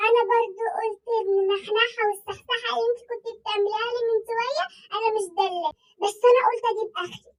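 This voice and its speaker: Brief: young performer doing a loud, scolding Egyptian mother in a comedy skit, very high and quick. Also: rough recording. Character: sharp-tongued, suspicious middle-aged mother.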